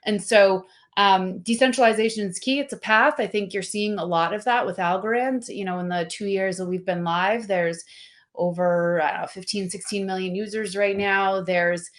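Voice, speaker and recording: Talkative woman interview guest, mid-range voice, animated, heavy on fillers and restarts. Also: mid-range voice, normal speed. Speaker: guest, company representative. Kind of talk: casual conversational interview.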